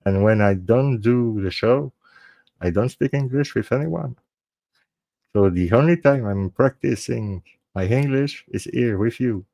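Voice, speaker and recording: A Belgian man whose first language is French wraps up his live true crime stream in a warm, gravelly, mid-range voice, with no echo. He is earnest but halting, restarting phrases often and slipping into French with his French-speaking Belgian accent.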